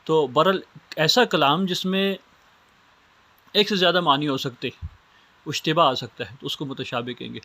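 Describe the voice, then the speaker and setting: A man's voice: on the high side, long pauses, pushed and bright. Man giving a patient Islamic studies lecture. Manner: explains step by step with simple everyday examples. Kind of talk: recorded lecture.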